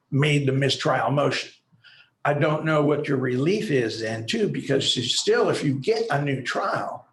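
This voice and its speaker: A man's voice: fairly high pitch, fairly bright tone, reverberant, slight background noise, low-quality recording. A man arguing for the state in an appellate court, persistent and argumentative. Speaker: attorney for the state.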